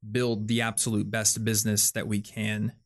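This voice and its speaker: A man's voice: fairly low pitch, completely flat delivery, normal speed. A young man hosting a podcast, talking casually and thinking aloud with lots of fillers and restarts. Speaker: podcast host. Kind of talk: casual chat.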